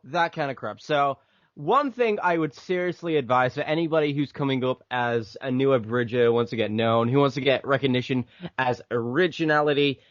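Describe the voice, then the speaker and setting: A man's voice: medium pitch, dry recording. A man who makes a fan abridged series, talking casually in an interview, rambling with lots of fillers. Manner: rambling, filler-heavy, laughs often. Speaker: abridged series creator and voice actor. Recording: dull lo-fi voice chat audio.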